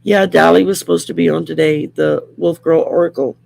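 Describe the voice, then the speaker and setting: A middle-aged woman with a raspy, worn whiskey voice hosts a casual live chat in an unhurried, rambling, plain-spoken way. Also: deep voice, fairly even intonation, darkish tone. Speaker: live show host.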